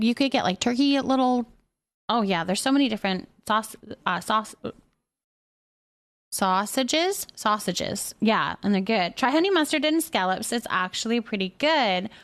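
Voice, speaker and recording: An animated woman with a fairly high, fairly bright voice speaks in an unhurried way on her livestream. She rambles chattily and giggles, picking up viewer comments and replying to each.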